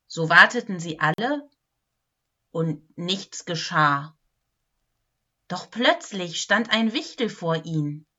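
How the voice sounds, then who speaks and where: Slow, bright-voiced woman reading a storybook. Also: fairly low pitch, lo-fi sound. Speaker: clown storyteller.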